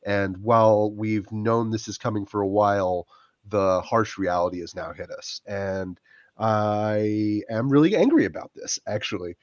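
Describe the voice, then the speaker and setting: A hoarse man hosting a casual live-streamed podcast, talking haltingly with plenty of fillers. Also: on the low side, no room sound, lo-fi sound. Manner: halting, many filler words. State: hoarse from illness. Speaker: podcast host.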